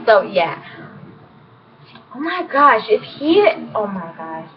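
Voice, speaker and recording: A woman's voice: medium pitch, big pitch swings, takes it slowly, a crowd in the background. A woman rambling in a casual vlog, giggling and gushing as she talks. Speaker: vlogger. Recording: dull lo-fi with voices behind.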